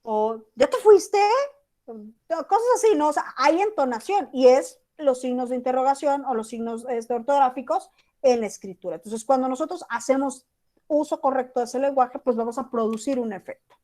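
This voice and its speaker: A woman's voice: high voice, a little fast, warm tone. A woman teacher with a Mexican accent giving an online class, talking casually and acting out example text messages. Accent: Mexican Spanish.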